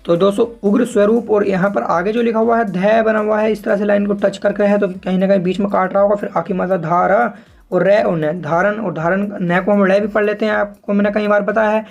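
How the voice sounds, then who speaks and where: A man teaching shorthand step by step, spelling out sounds slowly and repeating each word, often addressing viewers as friends. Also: sits high, creaky, dull audio. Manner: slow and repetitive, spelling out sounds piece by piece and calling viewers "friends". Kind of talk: step-by-step tutorial explanation.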